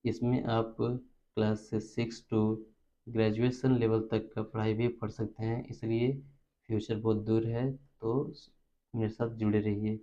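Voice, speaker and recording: Through a dull lo-fi recording, an Indian-accented man gives a step-by-step spoken maths lesson, repeating terms as he goes. His lowish voice is mellow and level, at a measured pace.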